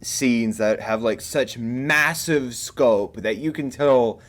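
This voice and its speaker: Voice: medium pitch, slow pace. A podcast co-host in casual chat about a movie, laughing often and acting out quotes.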